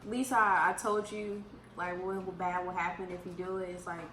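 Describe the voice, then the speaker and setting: A woman's voice: lowish voice, flat delivery, a little fast. Easygoing woman guest, echoey room. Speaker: guest friend. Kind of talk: casual mukbang chat. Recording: echoey room with background noise.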